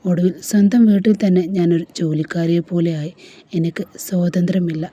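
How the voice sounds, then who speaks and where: Lady reading a sad wife spilling her heart, low mellow voice, kinda husky. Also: fairly even intonation, fairly quick. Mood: sorrowful. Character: heartbroken married woman confiding her sorrow. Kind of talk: storybook dialogue reading.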